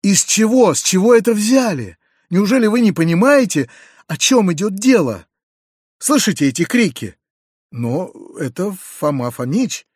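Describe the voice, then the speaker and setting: An agitated young woman from a storybook, proud and quick to protest, her voice pitched up and swinging widely. Her tone is slightly husky and very close and dry, with a man doing the voice. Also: sing-song, darkish tone, no room sound, full character voice. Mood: indignant. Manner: pleading and heated.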